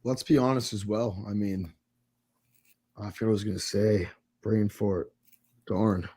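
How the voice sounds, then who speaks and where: A man's voice: on the low side, fairly even intonation, measured pace, warm tone, breathy edge. A man co-hosting a sports podcast, talking loosely with many fillers and jokes. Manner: loose, filler-heavy, joking. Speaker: podcast co-host. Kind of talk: casual sports talk.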